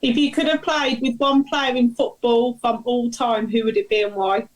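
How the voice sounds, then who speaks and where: A woman with a Birmingham accent casually asking quick-fire questions on a chat show. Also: on the high side, steady tone, rough recording. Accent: Birmingham (Brummie).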